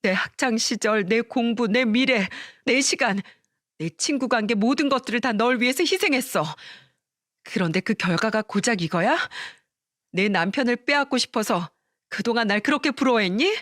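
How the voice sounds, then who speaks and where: A woman voicing a betrayed wife who shouts bitter accusations in a dramatized story reading. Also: fairly high pitch, expressive, normal speed, dry recording, studio quality. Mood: furious. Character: betrayed wife, furious and sobbing.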